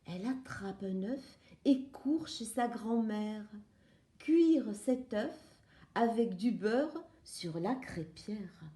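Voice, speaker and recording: A woman's voice: medium pitch, slow, mellow. A woman reading a children's story aloud in a playful, sing-song way. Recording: roomy echo.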